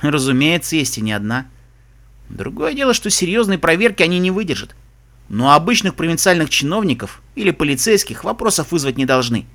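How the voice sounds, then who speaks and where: A man's voice: on the high side, very animated, a little fast, fairly bright tone. A man reading an audiobook, voicing a drowsy, ironic stallion who works as a spy. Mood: calm. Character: lazy teasing stallion spy.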